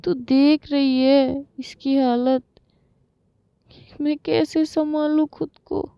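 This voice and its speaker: A woman's voice: high-pitched, little pitch movement, slow, gravelly, warm tone, dry recording, dull audio, voice pushed up, heavily acted. A woman voicing a distraught young woman who is tearful over her friend's suffering.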